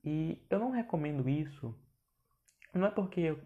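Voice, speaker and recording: A man's voice: a little high, lively intonation, moderate pace, narrow, tinny audio. A Brazilian man with a Brazilian accent, hosting a podcast and giving a chatty, informal English pronunciation lesson with many restarts. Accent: Brazilian Portuguese. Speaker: podcast host and English teacher.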